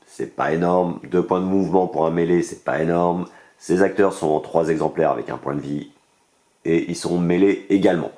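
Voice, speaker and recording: A man's voice: low-pitched, a little mellow. A man with a French accent casually reviewing a board game's cards, enthusiastic and explaining the rules step by step with many fillers. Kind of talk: casual unboxing and card review.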